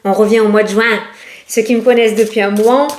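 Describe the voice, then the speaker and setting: A woman's voice: medium pitch, steady tone, fast, a little hiss or hum. A woman doing a casual, rambling tarot reading who laughs often and speaks with a regional French accent. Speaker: tarot card reader. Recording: echoey room.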